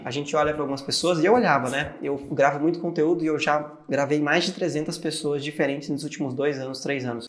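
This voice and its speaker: Earnest Brazilian man, roomy echo. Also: a little high. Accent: Brazilian Portuguese. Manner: earnest, conversational, addresses viewer directly. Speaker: video creator. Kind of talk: motivational talk to camera.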